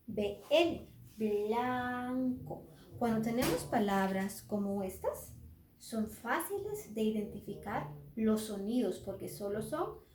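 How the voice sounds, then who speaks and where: A woman teacher leads a children's phonics lesson at a whiteboard, talking slowly and stretching each letter sound. Her voice sits fairly high and stays soft and mellow. She is recorded on a camera mic in a roomy classroom with a faint hum behind her. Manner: slow, drawn-out sounding out of letters. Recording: echoey room.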